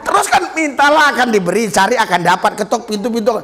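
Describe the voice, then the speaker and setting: Animated, gravelly-voiced man preaching. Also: very high-pitched, fast, slight background noise. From Nias, Indonesia. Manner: animated storytelling, acting out other people's voices with laughter. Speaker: pastor. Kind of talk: storytelling sermon. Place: church service.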